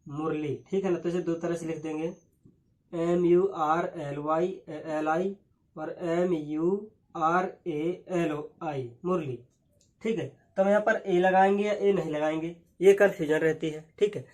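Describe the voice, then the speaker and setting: A man teaching a lesson, patiently repeating words and spelling out letters slowly. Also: sits high. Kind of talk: explaining a lesson.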